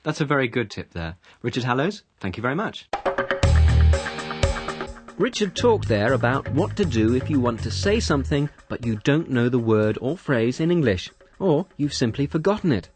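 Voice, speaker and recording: A man's voice: medium pitch, very animated, normal speed, breathy edge, faint music behind. Man presenting a radio lesson. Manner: conversational, asks questions.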